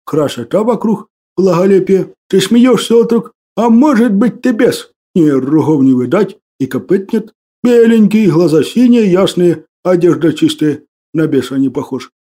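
A man's voice: high voice, expressive, moderate pace, dark tone. A man doing a fervent old hermit. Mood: bewildered, fervent. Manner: old-fashioned churchly phrasing, fervent. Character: old pious hermit man, bewildered, archaic speech.

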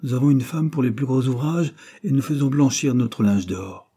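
A man's voice: mid-range voice, moderate pace, warm tone, breathy edge, pitched above the performer's own voice. A man reading aloud voices a domineering, scolding middle-aged maidservant woman in a storybook. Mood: grumbling.

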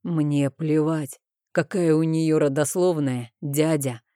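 Lady doing a calm young dragon husband, slow and restrained, lowish voice, dry sound. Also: dry recording. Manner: slow, restrained, quietly angry.

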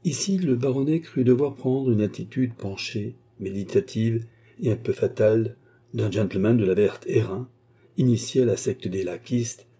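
A man reads a classic novel aloud in a measured, even way. His voice is somewhat low and dark, with a soft, husky grain. The delivery stays calm and steady throughout. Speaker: audiobook narrator. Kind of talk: audiobook reading of a classic novel.

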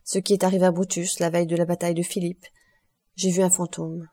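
A woman voicing a grave, fatalistic nobleman count who speaks calmly and with resignation, in an audiobook. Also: lowish voice, close to an everyday voice. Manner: calm, measured, resigned.

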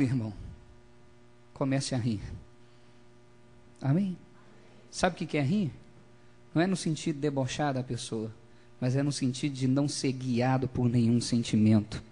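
Husky preacher calling out to a congregation. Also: male voice, medium pitch. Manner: calls for congregation responses, swings between loud emphasis and quiet asides. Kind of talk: lively sermon to a congregation.

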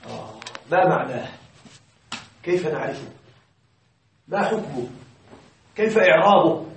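A man's voice: fairly high pitch, lively intonation, unhurried, fairly bright tone, a little hiss or hum. A man teaching grammar to a class, explaining through worked examples and checking with rhetorical questions. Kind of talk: classroom lecture. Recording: very echoey room, voice far from the mic.

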